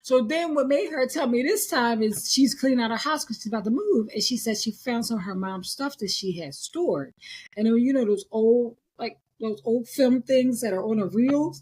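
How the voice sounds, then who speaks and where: Husky woman telling a story animatedly. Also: a little high, normal speed. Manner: animated, acts out quotes, laughs often. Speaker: podcast host. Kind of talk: casual storytelling chat.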